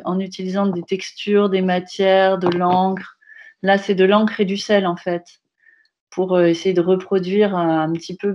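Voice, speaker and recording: Hesitant low-voiced woman teacher. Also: a little mellow, muffled recording, slight background noise. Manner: hesitant, many filler sounds and restarts. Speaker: visual arts teacher. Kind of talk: workshop presentation of a class project.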